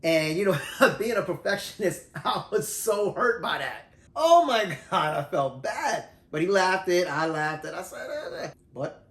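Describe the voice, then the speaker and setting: A middle-aged man telling his singing story in a loose, animated, conversational way, teaching as he goes. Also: high voice, measured pace. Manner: animated, self-described shy introvert, loose and conversational. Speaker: vlogger sharing singing tips. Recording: roomy echo.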